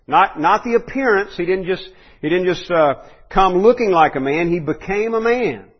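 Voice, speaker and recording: Guy giving a sermon, kinda high voice, lots of ums and restarts, dull muffled recording. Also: expressive, moderate pace. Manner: earnest, many restarts and ums, rises when stressing a point. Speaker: preacher.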